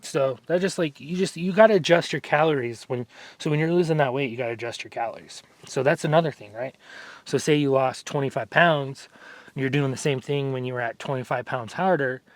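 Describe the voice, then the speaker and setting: A man's voice: medium pitch, brisk, no room sound. A man talking casually to camera in a fitness vlog, rambling loosely and often tagging lines with "like" and "right?". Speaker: fitness vlogger.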